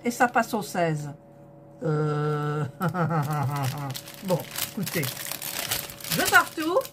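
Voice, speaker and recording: Against a noisy background, a woman with a fairly low voice addresses her viewers. Disappointed and indignant, she unboxes a diamond painting kit on her vlog and counts the colour numbers out loud.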